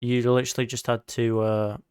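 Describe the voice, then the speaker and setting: A man's voice: medium pitch, flat delivery, brisk, a little mellow, clear, resonant tone, no room sound, clean studio sound. A man hosting a casual gaming podcast, rambling with lots of fillers and the odd swear word. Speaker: podcast host.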